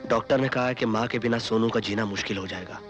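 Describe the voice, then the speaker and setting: A man's voice: fairly low pitch, quick pace, music in the background, natural voice. An actor playing an earnest, devoted young man who speaks in a sincere, pleading way. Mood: somber.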